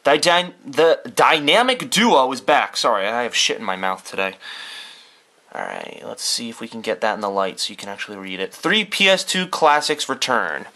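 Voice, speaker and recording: A man's voice: on the low side, very animated, a little fast, bright, forceful tone. A young man casually talking through an unboxing in his bedroom, rambling, thinking aloud and swearing offhandedly. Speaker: YouTuber doing an unboxing.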